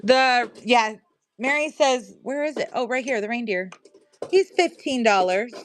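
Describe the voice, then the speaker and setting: A middle-aged woman with a Missouri accent and a fairly high voice speaks a little slowly, with slight background noise. Selling items on a livestream, she tells a chatty, rambling story and reads viewer comments aloud.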